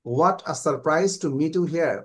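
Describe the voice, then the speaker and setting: Bangladeshi man teaching English, fairly high voice, speaks phrases slowly and carefully for students to repeat. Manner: explains in Bengali, slowly models English phrases. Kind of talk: online English class.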